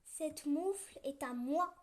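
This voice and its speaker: A woman's voice: high voice, slow pace. A woman voicing a self-assured female owl in a children's story, firm and sure of herself. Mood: assertive.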